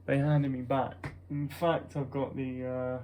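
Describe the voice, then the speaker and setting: A man's voice: medium pitch, level tone, measured pace, mellow, faint music behind. A young British man with a nasal voice rambles casually to his vlog viewers, hesitant and self-conscious, often breaking off mid-thought. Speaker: vlogger.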